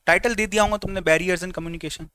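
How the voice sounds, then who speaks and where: A man teaching a live online lecture in a lively, teasing way, often repeating his instructions. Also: high voice, fast talker, clean tone.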